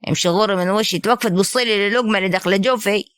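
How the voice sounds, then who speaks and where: A woman with an Upper Egyptian accent voicing a domineering young husband who talks in a gruff, insulting, bossy way. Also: mid-range voice, racing, a bit bright, no echo, studio quality, lightly acted. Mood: contemptuous. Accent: Upper Egyptian Arabic.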